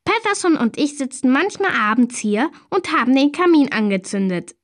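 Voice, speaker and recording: A small, chatty young kitten talks straight to the player in a children's game. The voice is very high and swoops up and down with cheerful, childlike energy. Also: female voice, big pitch swings, normal speed. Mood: friendly.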